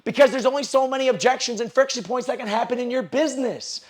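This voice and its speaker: A man giving a motivational sales seminar speech in a hall, preaching and calling out to the audience. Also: fast. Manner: high-energy, preachy, calls out to the audience. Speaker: sales speaker.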